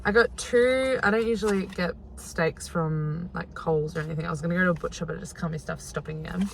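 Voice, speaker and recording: A woman's voice: fairly low pitch, a little fast, gravelly. A young Australian woman chats casually and ramblingly to viewers, recorded on a phone camera inside a car. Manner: chatty, informal, rambling. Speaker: vlogger. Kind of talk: casual vlog chat to viewers. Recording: noisy phone camera audio.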